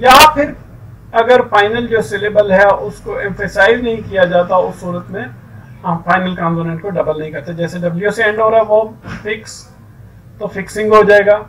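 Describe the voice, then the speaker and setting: A man teaching an English grammar lesson, explaining rules with many fillers and reading example sentences slowly. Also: high voice, a bit bright, distant mic, rough recording.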